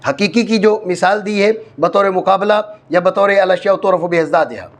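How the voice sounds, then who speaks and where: A man from Pakistan, teaching a grammar class, explaining step by step and often checking that his students follow. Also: sits high. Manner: explains step by step, repeats points, checks understanding. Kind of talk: classroom lecture on Arabic grammar.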